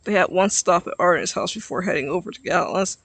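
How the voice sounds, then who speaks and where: A man narrating a story in an expressive storybook reading. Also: high-pitched, a little fast, gravelly, no echo.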